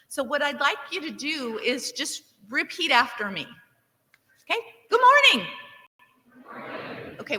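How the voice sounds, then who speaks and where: In a big conference hall with plenty of reverb, a high-pitched woman director from Nevada delivers a lively, interactive opening address. She keeps the audience engaged by calling for raised hands and celebrating whatever they answer.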